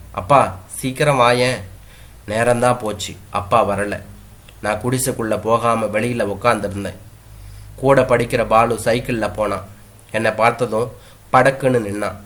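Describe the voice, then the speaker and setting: A man narrating a village story in the first person, in a steady storytelling manner. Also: medium pitch.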